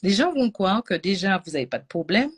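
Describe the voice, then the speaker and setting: Husky woman telling a story. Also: medium pitch, brisk. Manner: animated, swings between loud bursts and hushed whispers. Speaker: energy healing coach. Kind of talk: personal storytelling to a live audience.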